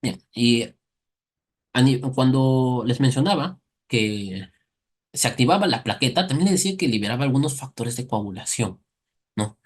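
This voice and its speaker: A man's voice: medium pitch, expressive, moderate pace, breathy edge. Man lecturing with self-answered questions. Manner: asks and answers his own questions, playful analogies. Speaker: medical lecturer. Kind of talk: recorded class explanation.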